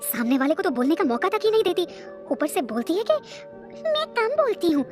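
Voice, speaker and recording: A woman's voice: very high voice, huge pitch swings, fairly quick, music in the background, pitched above the performer's own voice, full character voice. A woman voicing an irritated young male boss, incredulous and exasperated.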